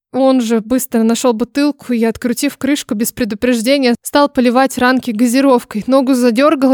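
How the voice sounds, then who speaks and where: Woman narrator, first-person audiobook, expressive, dramatic, fairly high voice, dry close sound. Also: dry recording.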